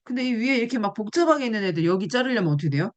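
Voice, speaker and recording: A woman's voice: a little high, very fast. A woman giving a classroom nutrition lecture, explaining with examples and asking the audience questions. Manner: animated, asks the class questions.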